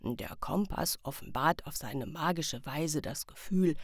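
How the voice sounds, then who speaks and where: A woman voicing a kindly old male inventor in a wheelchair, croaky and slow. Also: low voice, dry recording, studio quality, pitched below the performer's own voice. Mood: gently instructive.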